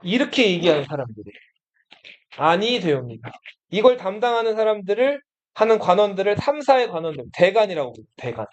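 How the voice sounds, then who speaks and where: A man's voice: high-pitched, sing-song, fast talker, few pauses, slight background noise. A man teaching history to a class. He talks in a casual, blunt way, asks the students questions and then answers them himself. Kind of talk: classroom lecture.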